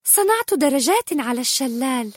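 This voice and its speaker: Shy young queen, soft modest speech, fairly high lively voice, dry close sound, as a woman puts her on. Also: moderate pace, husky, no room sound, exaggerated voice. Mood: gentle.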